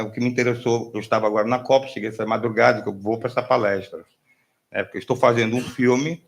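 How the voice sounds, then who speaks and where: A middle-aged documentary filmmaker from northern Brazil, introducing himself in a chatty way and checking in with tag questions. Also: male voice, fairly low pitch, creaky. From Belém, Pará, northern Brazil. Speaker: documentary filmmaker speaking from the floor. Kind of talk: casual spoken introduction.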